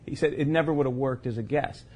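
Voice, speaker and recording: A man's voice: mid-range voice, fast, a little mellow, slightly rough. Earnest male podcast guest. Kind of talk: casual chat.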